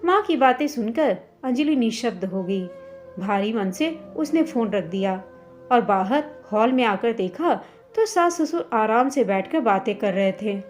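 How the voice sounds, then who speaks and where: A woman's voice: a little high, a little mellow. A woman narrating a family story in a scripted storytelling style, speaking the characters' lines herself.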